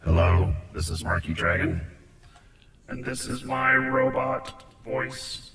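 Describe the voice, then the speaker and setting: A man's voice: mid-range voice, vocal fry, full character voice. A man speaking through a metallic robot voice filter as a cold, commanding male alien cyborg. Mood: playful. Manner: slow, flat commands. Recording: long reverb with faint music.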